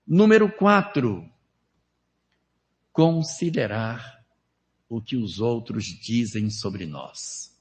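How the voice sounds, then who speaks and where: A man's voice: medium pitch, animated, extremely slow, pauses often. A man lecturing at a spiritist seminar in a conversational way, with rhetorical questions and numbered steps. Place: lecture hall at a spiritist center.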